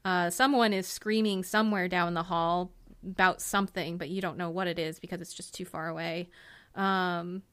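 A woman's voice: on the low side, fairly even intonation, normal speed, fairly bright tone, clean tone. A woman running a tabletop role-playing game, describing scenes in a chatty, meandering way with many fillers. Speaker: game master.

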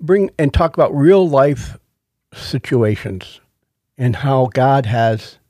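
A man's voice: medium pitch, expressive, slow pace, warm tone, dry recording, clean studio sound. A middle-aged man with toothless, lisping speech, talking earnestly and casually as a podcast co-host giving a personal testimony. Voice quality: toothless, lisping speech after oral surgery.

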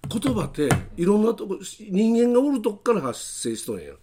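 A man with an Ehime accent from Shikoku, chatting casually and bantering, quick to object and argue his point. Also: high voice, big pitch swings, crowd noise. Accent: Ehime, Shikoku Japanese. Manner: argumentative, repeatedly objecting.

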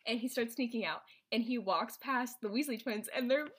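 A woman's voice: fairly high pitch, normal speed, slightly rough. A woman retelling a film's plot to a friend in casual chat, rambling, with many fillers and restarts. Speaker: presenter recapping a film.

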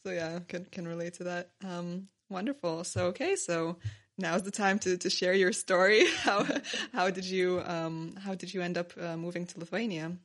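A woman's voice: fairly low pitch, normal speed. A woman hosting a conversational interview, friendly, sharing relatable asides before asking questions. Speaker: interview host.

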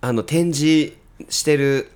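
A man's voice: on the high side, slow, darkish tone, clear, resonant tone. A man co-hosting a podcast, talking informally and musing like an enthusiast as he explains references to his partner. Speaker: podcast co-host. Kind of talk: casual review chat between co-hosts.

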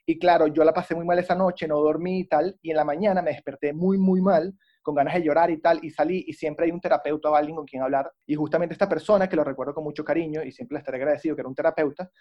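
A young man with a Venezuelan accent, telling his story as an interview guest, animated and peppered with ¿sabes? and ¿no?. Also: on the high side, quick pace, hardly any pauses, highs cut off. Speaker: guest recounting addiction recovery. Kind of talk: conversational interview.

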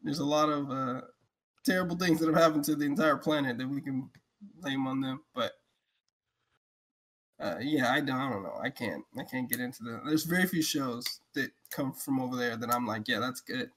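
A man's voice: medium pitch, normal speed, a bit bright. A man chatting casually on a podcast who hesitates and restarts his sentences. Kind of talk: casual chat.

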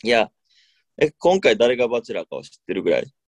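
A man's voice: medium pitch, very animated, dry recording. A young man with a Kansai accent chatting casually on radio in a hesitant, groggy, slightly muddled way. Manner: hesitant, slow-witted, groggy. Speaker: radio show co-host, novice comedian.

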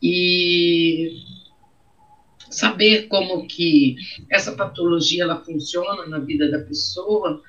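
A middle-aged woman with a Brazilian accent gives an emotional personal testimony in an interview, repeating her phrases as she tells her story. Her fairly low, slightly bright voice takes things slowly. The audio sounds dull and muffled.

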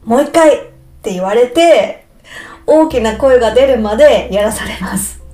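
A woman explaining a topic slowly and simply, like a teacher speaking to language learners. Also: fairly high pitch, animated, mellow, roomy sound. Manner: slow, clear, explaining simply with repetitions. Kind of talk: slow explanatory podcast talk.

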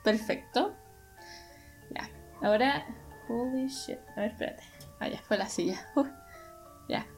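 Young chilean woman rambling through a story, bit high voice, faint music under it. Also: measured pace, long pauses. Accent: Chilean Spanish. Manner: rambling, chatty, many fillers. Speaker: podcast co-host telling stories. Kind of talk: casual chat.

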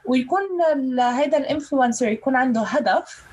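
A woman's voice: sits high, fast talker, darkish tone. A Lebanese woman interviewing casually, mixing Arabic with English words. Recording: clear background ambient noise.

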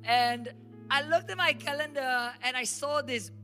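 A woman's voice: sits high, a little slow. A woman pastor with a Malaysian English accent, preaching and telling stories emphatically at a church service. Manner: emphatic, animated storytelling. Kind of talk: sermon storytelling. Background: faint instrumental worship music.

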